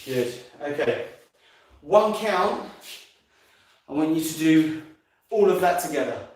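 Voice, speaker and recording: A man's voice: on the high side, expressive, slow pace, darkish tone. A man instructing a live martial arts class, giving clipped commands and counts between explanations. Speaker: karate instructor. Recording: very echoey room, far from mic, faint noise.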